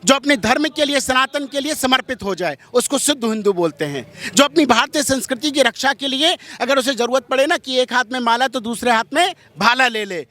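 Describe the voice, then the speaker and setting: Very high and animated, this man's pushed, bright voice races along briskly with few pauses. He takes the role of a religious figure in a street interview, answering with strident, combative passion and a barrage of rhetorical questions.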